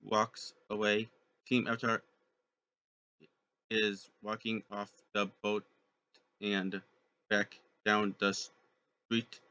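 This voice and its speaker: A man reading a story aloud, halting with frequent restarts. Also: fairly low pitch, monotone, bright, forceful tone, clean tone, muffled recording. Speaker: storybook narrator.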